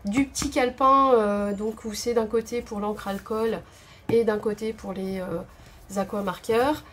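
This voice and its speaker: A woman with a slightly high voice talks through a craft test at her table, thinking aloud as she goes. Her casual chat is full of small pauses and hesitations, with a faint hiss in the background. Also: steady tone, fairly bright tone. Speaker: craft video host. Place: home craft table indoors.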